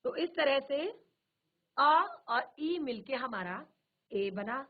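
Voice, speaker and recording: A woman teaching Hindi grammar, slowly repeating terms and asking questions that she answers herself. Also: high-pitched, expressive. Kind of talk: slow classroom explanation. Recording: tinny phone-like virtual classroom audio.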